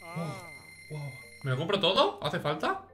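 A young man with an accent from Spain, giving casual, excitable gaming commentary to his chat and swearing freely. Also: a little high, measured pace, soft background music. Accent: Spain Spanish. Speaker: streamer.

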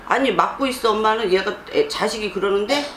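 During a consultation, a fortune teller bluntly scolds a young man and keeps prodding him for answers. The voice is medium-pitched, slightly bright, and a little fast, recorded in a roomy space with faint background noise.

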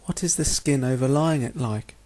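A man's voice: mid-range voice, moderate pace, a little mellow. A man with a mid-range voice delivers a narrated medical lecture. He explains step by step in an orderly, instructional way, often framing points as questions. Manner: clear, methodical, instructional, posing rhetorical questions. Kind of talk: narrated lecture over slides.

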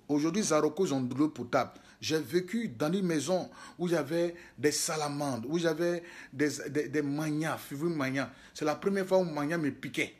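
A man talks into a handheld phone in a hotel room. His voice sits notably high for a man. He tells his stories in a lively, exclaiming way, breaking into laughter. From Côte d'Ivoire. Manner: animated storytelling, laughing and exclaiming. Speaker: prophet and spiritual guide. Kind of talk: casual video diary.

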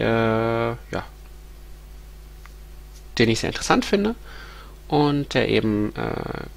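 A man in his thirties, his nose stuffy from a cold, delivers a recorded university lecture over slides from a small room at home. His voice is medium-pitched with vocal fry, and he sounds hesitant, with many ums and restarts.

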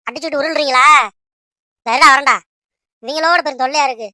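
A high, bright cartoon mother who is always scolding. She rattles along at speed, nagging and bossing her family about, as a woman acts her out. The sound is dry and close. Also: fairly quick, no room sound. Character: bossy scolding mother of grown children. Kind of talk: Tamil cartoon voice acting.

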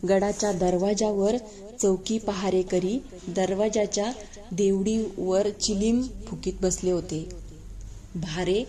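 A woman with a Marathi accent reading a historical novel aloud, slowly and with measured care, giving rustic guards and villagers their own lines. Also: mid-range voice, warm tone. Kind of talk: dramatic book reading.

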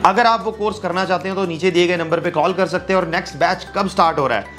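A man's voice: sits high, quick pace, fairly bright tone, faint music behind. A man in his thirties, a gym business coach, explaining to camera from a trophy-filled office, mixing English phrases into Hindi and gesturing constantly. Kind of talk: direct-to-camera advice video. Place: office with trophy shelves, indoors.

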